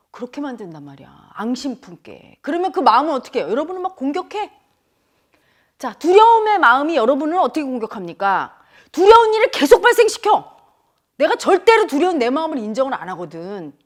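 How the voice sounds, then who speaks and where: A woman's voice: sits high, fairly quick. A middle-aged woman giving a spiritual talk on the mind, speaking straight to her listeners and acting out inner voices. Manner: animated, addresses listeners directly, acts out inner voices. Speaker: meditation teacher.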